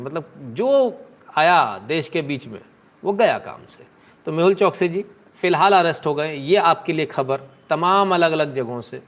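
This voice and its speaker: A man on a live stream who talks through the news with plenty of sarcasm. He chats loosely and answers his viewers' comments along the way. His speaking voice sits somewhat high for a man.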